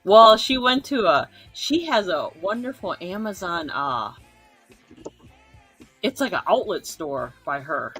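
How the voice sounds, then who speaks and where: A woman's voice: on the low side, very animated, slow pace, a bit bright, breathy edge, soft background music. A woman co-hosting a live craft sale, chatting in a friendly way about handmade items she is selling. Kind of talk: casual live-stream selling.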